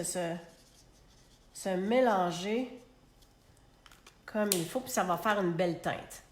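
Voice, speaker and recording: A woman's voice: mid-range voice, echoey room. A woman with a Québécois French accent hosting a live card-making tutorial, chatting and talking to herself as she works, recorded on a phone held in a clamp. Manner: chatty, talks to herself while working.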